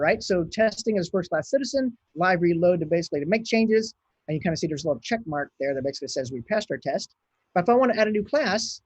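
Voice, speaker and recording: A man's voice: fairly high pitch, husky, no room sound, lo-fi sound. A man from Hawaii giving a conference talk, thinking aloud and chatting as he runs a live coding demo. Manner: chatty, thinks aloud while clicking and typing. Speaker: conference speaker.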